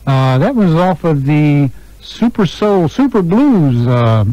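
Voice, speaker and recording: A man hosts an oldies radio show, delivering upbeat, chatty, informal announcer patter as a DJ and interviewer on a close broadcast microphone in the studio. His voice is a little high and mellow, slow, with big pitch swings. The dry recording comes from dull, lo-fi radio aircheck tape.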